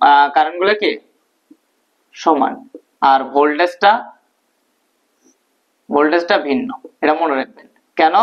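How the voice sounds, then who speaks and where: Fast-talking man teaching, lo-fi sound. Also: fairly high pitch, a bit bright. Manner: asks questions and answers them himself. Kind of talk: physics lesson at a whiteboard. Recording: dull lo-fi recording.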